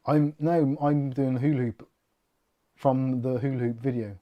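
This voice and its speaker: With a steady, medium-pitched voice and a slightly slow pace, a middle-aged man from the United Kingdom reads viewer comments on his casual tech channel livestream. He rambles and jokes self-deprecatingly, and the sound is lo-fi.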